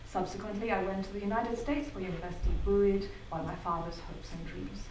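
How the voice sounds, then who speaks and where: Speaking from a theatre stage, a middle-aged Zambian woman gives a prepared talk that is articulate, measured and occasionally wry. Her voice is ordinary in pitch, darkish, with fairly even intonation. Recorded from the back of the hall, it sounds distant and echoey, with a faint room hum beneath.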